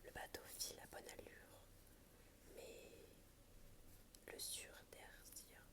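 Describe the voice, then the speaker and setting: Female ASMR reader, soft library whisper throughout, literary read-aloud with the odd halting stumble. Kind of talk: whispered ASMR book reading.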